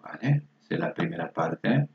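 This Spanish teacher's voice is low, creaky and expressive, moving at a moderate pace as he spells out word forms over his screen recording. Slight background noise runs through the roomy, dull lo-fi audio.

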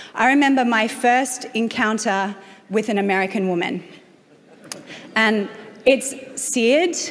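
An Australian woman pastor preaching a sermon, telling stories with self-deprecating humor. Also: mid-range voice. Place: church auditorium. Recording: long reverb of a large hall.

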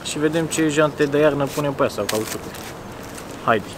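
A man in his thirties from Romania talks casually to a handheld camera, rambling and restarting his sentences. He sounds like he is outdoors by cars and garages. Loud engine and street noise sits under his voice. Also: on the high side. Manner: chatty, rambling with restarts, addresses viewers as "băieți". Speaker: vlogger. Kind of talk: casual car vlog to camera. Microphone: phone or camera held at arm's length.

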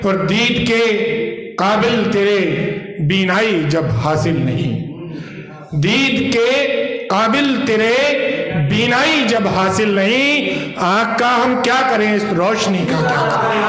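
A young man on a small stage reciting ghazal couplets into a stand mic, repeating each line slowly for effect. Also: sits high. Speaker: poet performing ghazals. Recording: echoey hall, audience crowd.

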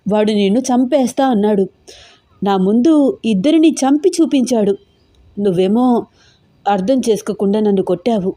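A woman's voice: medium pitch, animated, moderate pace, pauses often, no echo, close to an everyday voice. A woman voicing an angry young woman who scolds and threatens her fiancé in an audio story. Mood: furious. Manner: scolding, sharp-tongued. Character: hot-tempered young woman, bride-to-be.

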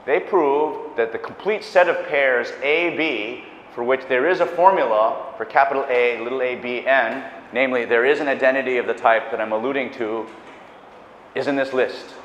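At a moderate pace and medium pitch, a middle-aged man gives a public math lecture in a lecture hall, picked up by a lapel mic with a little hiss or hum. Enthusiastic, he paces the stage and gestures animatedly, chatting with asides and self-corrections. The sound is dull and echoes.

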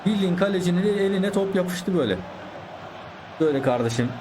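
A man's voice: high-pitched, lively intonation, fairly quick, noisy background. A man giving chatty live commentary over his own football video game, talking to his viewers and exclaiming at the plays. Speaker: gaming YouTuber.

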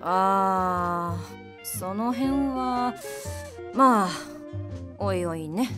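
A female voice at medium pitch, delivered very slowly with an offhand mood, belongs to an actress playing a flashy, brash snack-bar mama. She speaks sharp-tongued and bossy over music in this audio drama.

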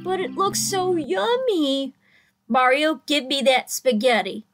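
In a small indoor room, a young adult woman reacts to a video, reading its captions aloud, commenting, and acting out the dialogue with exaggeration. Her high-sitting voice is expressive, slow and a bit bright, with the video's music playing behind her.

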